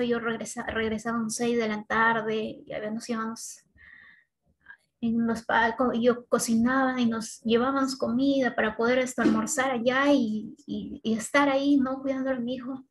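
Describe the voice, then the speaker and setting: A woman with a fairly high voice tells her personal faith testimony. She speaks in a conversational, heartfelt way and often breaks off to restart a phrase or add a tag question. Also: poor audio. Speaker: mother giving a faith testimony.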